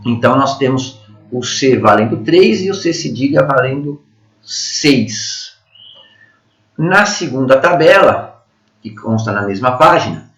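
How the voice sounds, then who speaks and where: A man's voice: medium pitch, muffled recording. A man teaching an online course, explaining step by step and often checking in with the class. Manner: explanatory, checks in with "correto?" and "certo?". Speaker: numerology teacher. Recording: echoey room.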